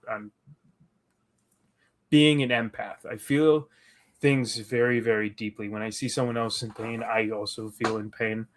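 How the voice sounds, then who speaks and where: A man's voice: medium pitch, pushed and bright. A man co-hosting a podcast, chatting casually through a recap, rambling with restarts and acting out quotes. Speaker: podcast co-host.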